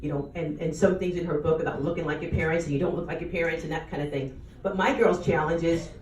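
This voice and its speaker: Animated adoptive mother, storytelling delivery, roomy distant sound. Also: sits low, quick pace, a little hiss or hum. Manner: animated storyteller, laughing as she talks. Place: book launch event room. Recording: roomy sound, mic far off.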